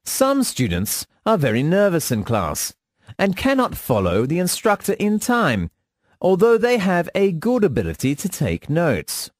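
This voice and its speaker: A man delivering a scripted instructional monologue in a measured, formal teaching manner. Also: high-pitched, huge pitch swings, no echo, studio quality. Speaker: lecturer.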